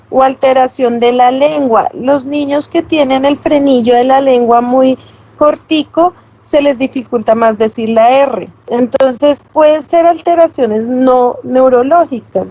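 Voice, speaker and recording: A woman's voice: high voice, warm tone. A woman giving an online lecture, explaining step by step and checking in with tag questions. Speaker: teacher. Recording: slightly dull, lo-fi sound.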